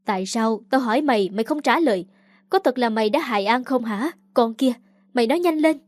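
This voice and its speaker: An angry, hot-tempered man yells and berates, as a woman storyteller reads his lines. The voice is fairly high and dry, recorded close with no reverb. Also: a little fast, close to an everyday voice. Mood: furious. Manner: angry, yelling. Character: hot-tempered older brother, shouting.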